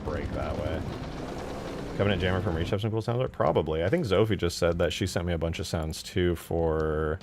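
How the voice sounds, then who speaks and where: Speaking fairly quickly in a low voice, this modder and channel host narrates his screen while tinkering with a game mod, musing aloud in loose, profane language. Music plays in the background, making the recording noisy.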